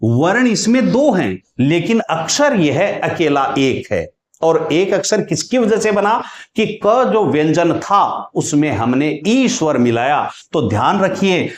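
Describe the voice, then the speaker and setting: A male teacher gives a classroom lecture, explaining step by step and drawing out sounds to show how they work. His voice sits slightly high and his pace is very slow. The room around him rings with echo. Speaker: Hindi grammar teacher. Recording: echoey room.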